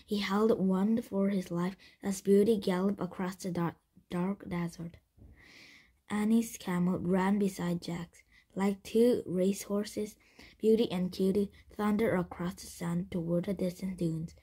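A woman reading a children's chapter book aloud, in a soft, half-whispered manner that stumbles and restarts. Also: mid-range voice, steady tone, measured pace, husky. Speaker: reader.

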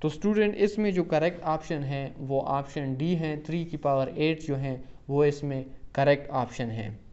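Male exam-prep lecturer, slightly higher voice, reads questions slowly, dull lo-fi recording. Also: a little mellow. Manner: slow, deliberate reading of English options, quicker Hindi-Urdu explanations; addresses listeners as "student" often. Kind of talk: reading out and explaining exam questions.

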